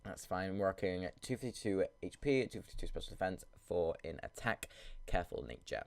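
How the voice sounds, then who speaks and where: A man's voice: sits low, expressive, brisk, gravelly, no echo. A man sniffly and congested with a cold, giving casual, rambling gameplay commentary and thinking aloud. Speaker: video game battle commentator.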